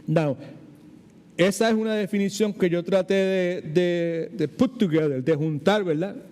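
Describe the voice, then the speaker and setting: An older pastor from Puerto Rico leads a Bible study as informal sermon teaching, chatty and prone to digressions, slipping English words into his Puerto Rican Spanish. His voice is high and darkish in tone, and he speaks unhurriedly. The recording has a big-room sound.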